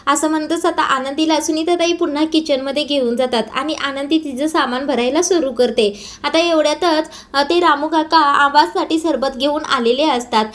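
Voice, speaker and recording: A woman narrating an episode recap, telling it in a steady storytelling way. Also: high voice, normal speed. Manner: steady storytelling, starts lines with "now".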